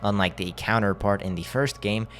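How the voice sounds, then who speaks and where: Lowish guy doing a game critique voiceover, blunt and sweary, quiet music under it. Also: normal speed. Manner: casual, blunt, swears freely. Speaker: video essay narrator.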